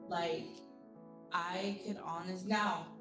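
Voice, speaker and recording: Animated young woman telling stories. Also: fairly low pitch, slow. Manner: animated storytelling, acts out quotes. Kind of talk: casual chat. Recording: echoey room with music behind.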